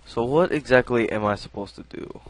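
A man's voice: medium pitch, a little fast, no room sound. Cursing young gamer man. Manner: cursing, frustrated, swings between muttering and yelling. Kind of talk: live gameplay commentary.

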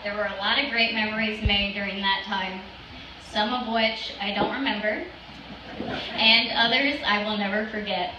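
A woman's voice: mid-range voice, steady tone, moderate pace, distant mic, background noise. Echoey young woman giving a wedding toast. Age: young adult. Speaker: matron of honor. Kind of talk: wedding toast speech, partly read from notes. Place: open-sided wedding reception tent. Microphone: stand microphone through PA, filmed by audience phone. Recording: echoey PA heard from off, faint music.

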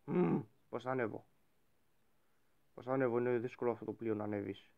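A man playing a game and role-playing a bossy pirate captain who shouts orders at his crew. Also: medium pitch, steady tone, vocal fry, phone-quality sound. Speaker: gaming YouTuber. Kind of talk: Minecraft role-play commentary.

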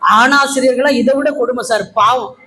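A woman's voice: a little high, normal speed, low-quality recording. A woman teacher giving a humorous speech at a festival, acting out classroom dialogue as she tells school stories. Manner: animated, acts out classroom dialogue. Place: event hall.

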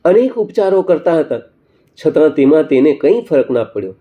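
Measured male religious storyteller. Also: a little high, very animated. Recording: slightly muffled recording.

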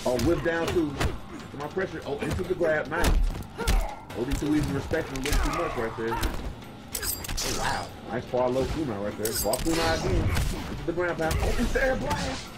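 A man giving excited live fighting game commentary in a slangy, exclaiming manner. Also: fairly high pitch, normal speed. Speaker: esports tournament commentator. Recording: loud game music behind voice. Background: loud game music.

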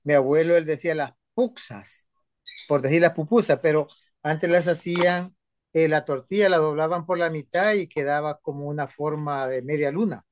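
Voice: medium pitch, steady tone, moderate pace, slight background noise. A participant in a live lesson, speaking conversationally and recalling how a relative used a word. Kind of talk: casual remark in a live session.

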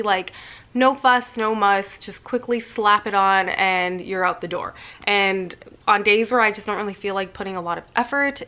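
Sounding slightly nasal and congested from a cold, a young adult beauty vlogger walks viewers through each step of her makeup at home in the living room. She chats casually in a medium-pitched voice with a bright, forceful tone.

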